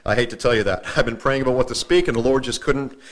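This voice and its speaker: A man preaching a sermon, mixing folksy stories with slow, careful readings of scripture and correcting himself as he goes. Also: medium pitch. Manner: homespun asides and self-corrections, slows for scripture reading.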